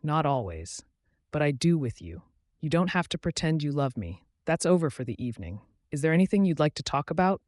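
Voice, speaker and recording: A man voicing a tender and fragile young woman in love, speaking softly and pleadingly in an audiobook reading. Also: a little high, sing-song, brisk, no room sound, studio quality. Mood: wistful.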